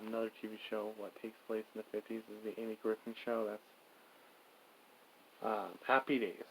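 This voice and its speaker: A man with a fairly low voice hosts a loose, casual monologue. He speaks tentatively, wandering off and correcting himself. There is some faint noise on the recording. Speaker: host of a show of personal thoughts. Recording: clearly noisy background with clicks.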